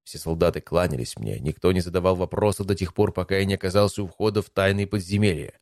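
A man narrating a first-person audiobook in an even, measured reading. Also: sits low, no room sound, studio quality.

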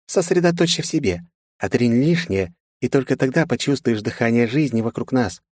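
A man's voice: mid-range voice, lively intonation, fairly quick, a little mellow, no echo, clean studio sound, pitched above the performer's own voice, lightly acted. A man voicing a stern, irritable female mentor who speaks in a raised, instructive tone.

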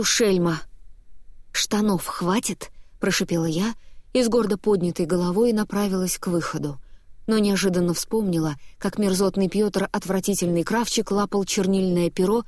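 A woman narrating a first-person audiobook in an expressive, lively storytelling manner, close to the mic. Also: mid-range voice, a little fast, no room sound.

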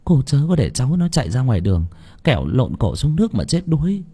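A man voicing a poor village mother, speaking in a raised voice that turns to shrill screams. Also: wildly swooping pitch, fast talker, warm tone, husky, full character voice. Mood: instructing. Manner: raised pitch, shrill when terrified.

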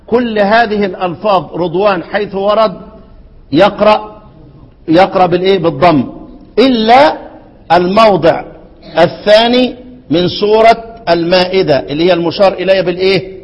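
Husky Egyptian teacher quizzing students. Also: male voice, sits high, moderate pace. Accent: Egyptian Arabic. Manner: keeps asking students to fill in words. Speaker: Quran recitation teacher. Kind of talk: explaining a classical text to students. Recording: dull, reverberant hall recording.

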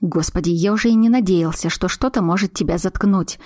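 A woman's voice: on the low side, a little fast, dark tone, dry recording, studio quality, lightly acted. A woman voicing an anxious, blunt young man whose fiancée is about to give birth. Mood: fretful. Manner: fretful, blunt and insistent.

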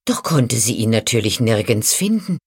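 Low-voiced woman telling a fairy tale. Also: big pitch swings, darkish tone, slightly rough. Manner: slow, dramatic storytelling, addressing the listener. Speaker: storyteller. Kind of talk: scripted fairy-tale narration. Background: faint music.

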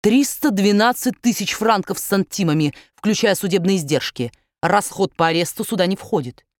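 A woman's voice: medium pitch, animated, normal speed, dry recording, clean studio sound, close to an everyday voice. A woman voicing a curt, businesslike male bailiff in a matter-of-fact tone.

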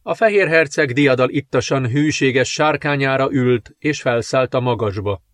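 A man reading a fantasy novel aloud in measured, dramatic scripted narration. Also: mid-range voice, no echo. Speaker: audiobook narrator.

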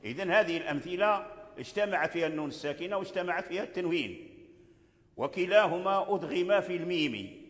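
An older man from Morocco gives a lesson on Quran recitation. He explains patiently and repeats his points in a fairly high voice. His voice trails off into a long, echoing reverb. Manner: explains patiently, repeats key phrases, chants examples. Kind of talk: religious lesson on tajweed.

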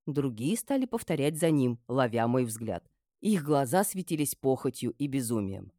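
A woman narrates a first-person novel with a low, dark-toned voice that moves a lot in pitch. She reads expressively, and the recording is close and dry. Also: normal speed, no room sound. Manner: lively, expressive. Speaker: audiobook narrator.

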